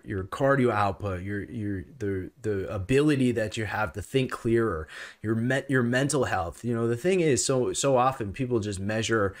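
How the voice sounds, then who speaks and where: A lowish male voice belonging to a personal trainer speaking as an interview guest. He talks earnestly and with feeling, often stumbling and restarting his sentences. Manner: earnest, emotional, halting with many restarts.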